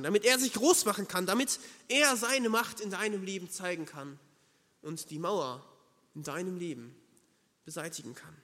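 A man's voice: high-pitched, pushed and bright, long reverb tail. A man preaching a sermon, earnest and emphatic, speaking directly to the listener.

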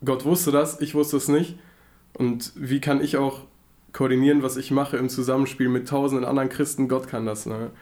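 A man's voice: medium pitch, level tone, normal speed, darkish tone. Reflective man thinking aloud. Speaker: podcast co-host.

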